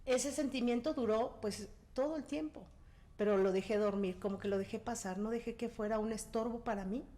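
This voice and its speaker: A woman shares a personal story as a guest. She is animated and acts out the quoted lines, in a fairly high voice. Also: fairly quick. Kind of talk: casual testimony.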